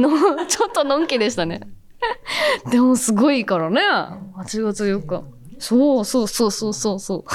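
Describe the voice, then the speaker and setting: A woman in her thirties hosting a radio show, chatting casually and softly, often dropping into near-whispers, and reading listener letters. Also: a little high. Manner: chatty, soft-spoken, drops into near-whispers. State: recovered from nasal congestion. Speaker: radio host and TV announcer.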